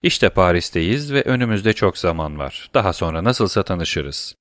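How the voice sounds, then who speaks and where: A man's voice: low voice, animated, moderate pace, a bit bright, no echo, studio quality. A man doing a cool, ironic scheming count. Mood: satisfied. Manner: smooth, ironic, self-assured.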